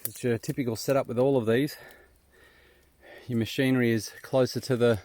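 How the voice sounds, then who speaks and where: This amateur mine explorer from New South Wales talks casually to his viewers while outdoors in the bush, relaxed and slangy and happy to laugh at himself. He speaks at a moderate pace in a mid-range, slightly mellow voice whose intonation stays fairly even.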